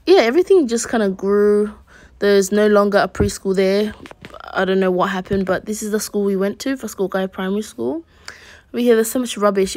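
A young adult woman chatting informally to a vlog audience in a drowsy, low-key way, on a handheld phone. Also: darkish tone, no echo. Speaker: vlogger. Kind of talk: casual vlog chat. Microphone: phone at arm's length. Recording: noisy handheld phone recording, ambient sounds.

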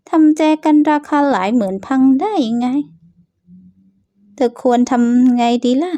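A spiteful rich girl from a dubbed manga story, played by a woman with a high, sharp, sing-song voice that needles and gloats. She sounds smooth and mellow rather than harsh, and the recording is close and dry. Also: big pitch swings, moderate pace, no echo. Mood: taunting. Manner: taunting, smug, sing-song. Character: scheming spiteful young woman, rich bully.

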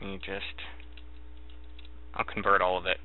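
A man giving casual, halting game commentary, thinking aloud as he plays. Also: sits low, monotone. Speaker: gamer narrating a let's play. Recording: thin, narrow phone-like sound.

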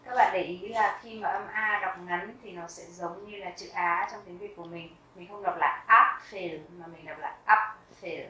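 A woman teaching a vocabulary lesson, reading each word twice slowly and carefully and explaining how to pronounce it. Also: on the low side, steady tone, fairly bright tone, reverberant, distant mic, slight background noise, rough recording. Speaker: German teacher. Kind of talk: slow vocabulary lesson with pronunciation drills.

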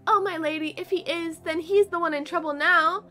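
A woman voicing a small, timid male rat in a game, speaking formally and gently. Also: very high voice, steady tone, normal speed, voice pushed up. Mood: polite.

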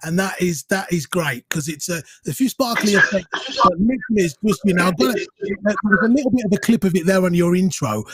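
A man's voice: high-pitched, lively intonation, fairly quick, hardly any pauses, crowd noise. A man hosting an interview, chatting eagerly and often restarting his sentences. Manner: enthusiastic, stammering restarts. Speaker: host. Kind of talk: casual interview. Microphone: headset and studio mic.

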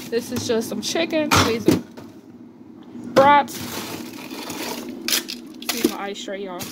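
A young woman with a slightly high voice chats casually through a grocery haul, listing items one by one with plenty of "uh"s and calling her viewers "y'all". She is filmed in her home kitchen on a handheld phone, with clear noise in the background. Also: animated, slow. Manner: casual, chatty, addresses viewers as y'all, lists items with many fillers. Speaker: vlogger showing a grocery haul.

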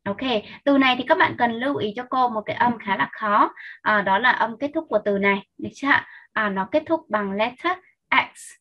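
Cô giáo giọng khàn dạy tiếng Anh. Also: female voice, a little high. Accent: Vietnamese. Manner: patient, slow and clear, repeating sounds for children. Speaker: English teacher. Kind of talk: online vocabulary lesson. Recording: dull lo-fi sound.

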